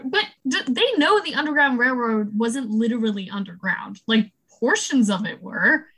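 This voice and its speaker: A young woman co-hosting a podcast in casual chat, unhurried and laughing often. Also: a little high, animated, fairly bright tone, husky. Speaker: podcast co-host.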